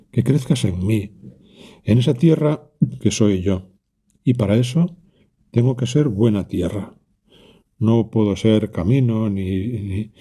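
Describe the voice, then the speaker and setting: A man leading a spoken prayer meditation, calm and reflective, speaking directly to Jesus with pauses. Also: lowish voice.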